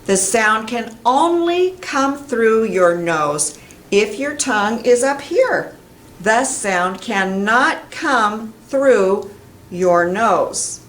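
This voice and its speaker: A middle-aged American woman teaches English pronunciation to camera in a small indoor classroom with a whiteboard, enunciating sounds and words deliberately and with emphasis. Her mid-range voice is expressive and a bit bright, captured by a distant camera mic that sounds roomy with faint noise.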